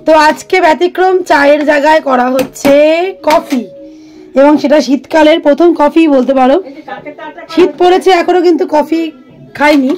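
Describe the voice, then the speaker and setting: A woman's voice: sits high, moderate pace, a little mellow, faint music behind. A woman, vlogging at home and chatting to viewers as she explains household tasks. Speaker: vlogger and mother. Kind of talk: casual family vlog chat. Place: home, indoors.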